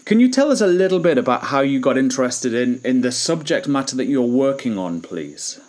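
A man's voice: medium pitch, big pitch swings, a little fast, a little mellow. A man interviewing a guest, polite and hesitant, often repeating words as he frames questions.

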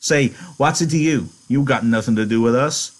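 A wiry drifter ranch hand, dreamy and a little guarded, who talks in plain folksy phrases and sometimes quickens as he gets carried away, as a man reads him close to his own mid-range voice. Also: mid-range voice, close to an everyday voice. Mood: suspicious. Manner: folksy, rural turns of phrase.

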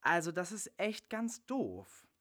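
A man reading the part of a soft-spoken, hesitant young woman. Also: on the low side, sing-song, slow pace, heavily acted. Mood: earnest. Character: gentle, earnest young woman.

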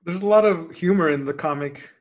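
Guy with a high voice, quick little interjections, casual. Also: lo-fi sound. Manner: brief interjections. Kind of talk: casual chat.

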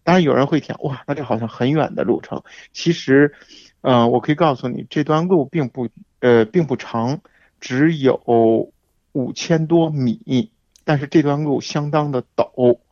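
Male radio guest, measured explainer, dull dry recording, plain mid voice. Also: medium pitch, darkish tone, no room sound. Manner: explanatory, measured, with frequent fillers. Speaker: guest hiking expert. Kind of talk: casual radio interview.

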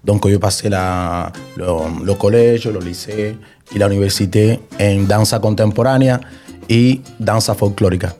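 Man, Cuban Spanish accent, native Spanish, radio guest, low warm voice, halting. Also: steady tone, faint music behind. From Cuba. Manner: halting, mixes in Spanish words. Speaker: guest dance teacher. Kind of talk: radio interview.

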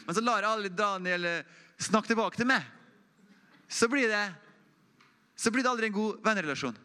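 A young man preaches an informal testimony in a church, earnest and conversational. His voice is bright and forceful and sits somewhat high. He often sinks to a soft hush when he speaks of quiet, intimate moments. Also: animated, clean tone. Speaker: preacher giving a mission report.

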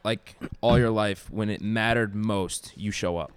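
A man's voice: fairly low pitch, fairly even intonation, clear, resonant tone. A man hosting a casual podcast chat, joking and firing off questions. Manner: joking, rapid-fire questions. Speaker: podcast host.

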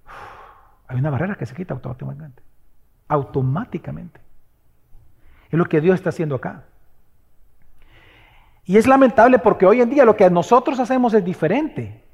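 A man preaching a sermon, firing off rhetorical questions and swinging between loud exhortation and hushed, tender passages. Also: high voice, lively intonation, brisk, creaky, long pauses, breathy edge, highs cut off. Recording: long hall reverb.

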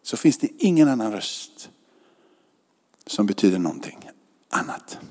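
A man's voice: lowish voice, very animated, a little mellow, big-room sound. A man preaching a sermon in a conversational way, often asking his listeners whether they follow him. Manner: conversational preaching with rhetorical questions. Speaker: pastor. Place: church.

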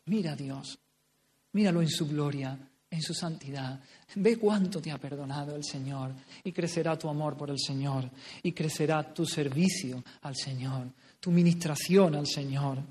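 High-voiced fervent preacher in a hall. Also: male voice, normal speed, darkish tone, breathy edge. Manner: fervent, pleading, heavy with exclamations. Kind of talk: sermon. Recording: long hall reverb.

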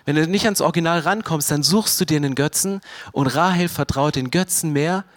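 A male pastor delivers a lively sermon in a voice pitched a little high. He swings between loud, emphatic bursts and quieter, lower asides. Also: a little fast, no echo, clean studio sound.

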